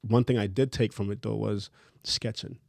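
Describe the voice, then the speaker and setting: Gravelly low-voiced man from Trinidad. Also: fairly even intonation, moderate pace, darkish tone, dry recording, clean studio sound. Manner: laid-back, candid, slangy storytelling. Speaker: podcast guest, fashion designer. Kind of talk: casual interview chat.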